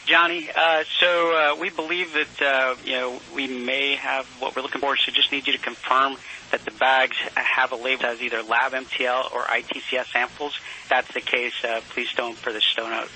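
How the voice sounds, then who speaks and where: A man's voice: mid-range voice, little pitch movement, normal speed, bright, forceful tone. A man working as a mission control communicator, speaking in formal procedural calls and readbacks over a hissy space radio link. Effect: crackly space radio link.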